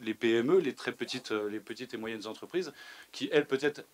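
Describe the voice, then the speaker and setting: Male audience member, mid-pitched voice, long spontaneous question with frequent stammers. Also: brisk. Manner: stammering, repeats words. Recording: lecture hall.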